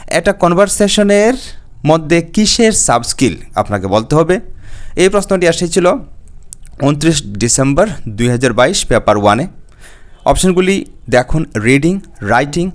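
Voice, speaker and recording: A man teaching an exam-prep lesson, explaining patiently, repeating key terms, asking rhetorical questions and reading English phrases slowly. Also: a little high. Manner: reads English option text slowly and deliberately.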